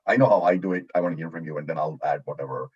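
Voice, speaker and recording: A man's voice: rumbling low, very fast, slightly rough, dull audio. A man hosting a casual chat, talking loosely with lots of "you know" and "right". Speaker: host. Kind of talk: casual conversation.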